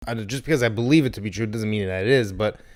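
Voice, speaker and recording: A man's voice: lowish voice, quick pace. A man in his thirties co-hosting a comedy podcast, rambling and joking with lots of swearing. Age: 30s. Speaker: podcast co-host. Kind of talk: casual chat.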